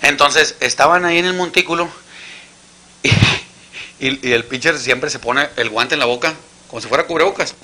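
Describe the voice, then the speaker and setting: Speaking at a moderate pace with a fairly high, sharp-toned voice, a Mexican Spanish-accented man spins crude jokes as casual stories. He uses crude slang and performs each character himself.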